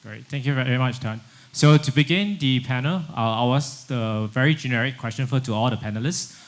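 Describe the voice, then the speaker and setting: Measured male panel moderator. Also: medium pitch.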